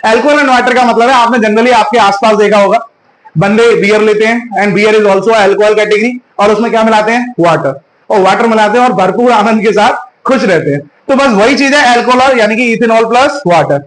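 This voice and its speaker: A man with a fairly high voice teaches chemistry in an echoey room, mixing terms his talk. He poses questions to the class and answers them himself. He draws out key terms slowly, as if dictating notes. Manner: asks questions and answers them himself, calls students "beta"; drawn-out, slow spelling of key terms. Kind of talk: online class lecture.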